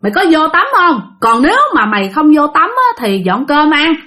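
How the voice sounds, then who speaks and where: A stern older mother barks orders and scolds, as a woman storyteller plays her. The voice sits a little higher and louder than the teller's usual speech, and the pitch moves in a lively way. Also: brisk. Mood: scolding. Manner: scolding, commanding.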